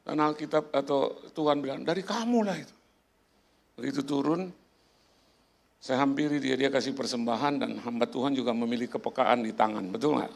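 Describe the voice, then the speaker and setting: In a church hall, a middle-aged pastor tells a personal story as part of his sermon, chatting along and doing the voices of the people involved. His voice is mid-range and creaky, and he talks a little fast.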